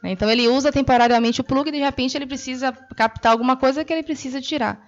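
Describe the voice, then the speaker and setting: A Brazilian woman speech therapist explaining hearing care clearly and patiently in an interview. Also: high voice, very fast. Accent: Brazilian Portuguese. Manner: clear, didactic, reassuring. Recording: dull lo-fi broadcast audio.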